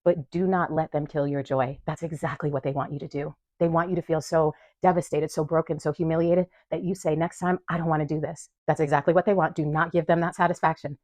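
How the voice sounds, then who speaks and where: A young woman speaks straight into her camera at home, defiant and blunt, laughing between her points. Her voice sits on the lower side, and the sound is dry and close. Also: fairly even intonation, fast talker, few pauses, a little mellow, dry recording. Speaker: vlogger. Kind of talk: impassioned commentary to camera. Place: room at home in front of a wall of photos.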